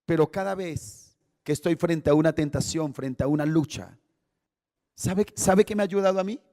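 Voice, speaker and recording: A man's voice: fairly high pitch, normal speed, warm tone. A man preaching a sermon as a pastor, emphatic and putting questions to his congregation. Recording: echoey church hall.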